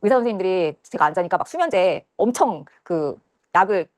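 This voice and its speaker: A woman's voice: on the low side, expressive, no echo. A young woman giving an earnest personal testimony, telling a hospital story and acting out the voices in it. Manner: earnest, rushed storytelling, acts out quoted voices. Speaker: testimony guest. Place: church studio.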